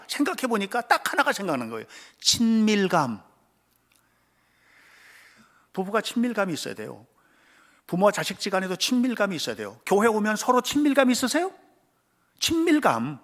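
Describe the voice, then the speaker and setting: Male pastor, church sermon, high and very animated delivery, dramatic whisper-to-shout swings. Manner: dramatic, swings from loud cries to hushed whispers; acts out quoted voices in stories. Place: church sanctuary.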